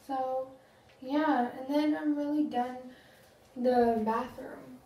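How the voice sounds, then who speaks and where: A young woman vlogging her morning routine at home, soft-spoken and halting, often dropping to a half-whisper. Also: high voice, fairly even intonation, distant mic, dull audio, a little hiss or hum. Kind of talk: casual vlog narration. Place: home, bathroom and bedroom. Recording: echoey room at home.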